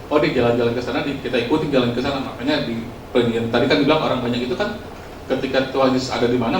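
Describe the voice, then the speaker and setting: Chatty male preacher in an echoey hall. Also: medium pitch. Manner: chatty, self-mocking, lots of filler words. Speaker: youth preacher. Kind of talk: casual storytelling sermon. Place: church hall. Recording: roomy, distant mic, faint noise.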